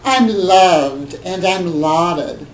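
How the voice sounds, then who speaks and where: A woman voicing a proud, pampered queen bee who speaks in a slow, self-satisfied way. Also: lowish voice. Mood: smug. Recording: echoey room with background hum.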